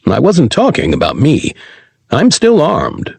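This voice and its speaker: A man's voice: fairly high pitch, huge pitch swings, measured pace, vocal fry, slightly rough, dry recording, voice pushed up, full character voice. A man doing a wry young crew fighter.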